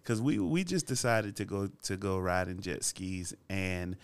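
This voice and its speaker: A man's voice: deep voice, lively intonation, unhurried, smooth. A man hosting a casual faith-based podcast, telling stories in a laid-back way and laughing often. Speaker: podcast host.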